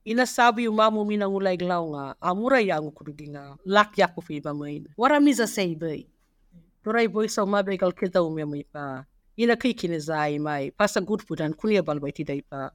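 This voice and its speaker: A man narrating an explainer, reading quotes and numbered points in a steady, measured way. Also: sits high, dry recording, clean studio sound. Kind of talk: read-aloud explainer narration.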